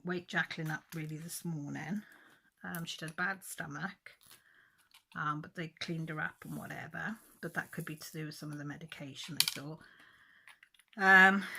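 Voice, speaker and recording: A woman with a low-sitting, pushed, bright voice chats casually at home while doing crafts for her vlog. She rambles and corrects herself about which days are which, sounding a little stuffy from a cold.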